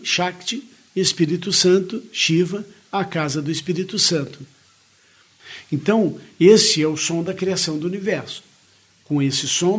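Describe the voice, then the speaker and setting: A man reading a spiritual lecture aloud in a measured, earnest way, adding short comments of his own as a teacher. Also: sits high, breathy edge.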